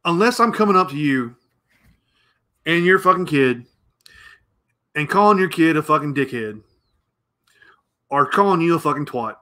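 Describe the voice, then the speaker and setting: A middle-aged man from the United States rants on his own show, blunt and crude, piling up curses as he rambles. His voice is bright and forceful, sitting a little high for a man. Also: animated, moderate pace, pauses often. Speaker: podcast host. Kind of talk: opinionated rant.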